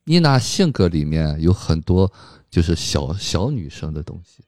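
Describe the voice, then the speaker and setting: Counselor guy on a podcast, really low voice, warm, explains stuff slowly with lots of fillers. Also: big pitch swings, no echo, clean studio sound. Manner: explaining patiently, with frequent fillers. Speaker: psychological counselor and guest. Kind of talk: casual film discussion.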